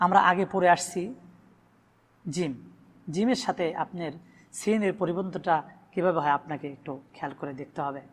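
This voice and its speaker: A man from Bangladesh teaches Quran reading to viewers in a room with a blackboard, speaking at normal speed in a high voice with frequent pauses. He stretches out each Arabic letter sound, repeating it emphatically. A long hall reverb hangs on the recording.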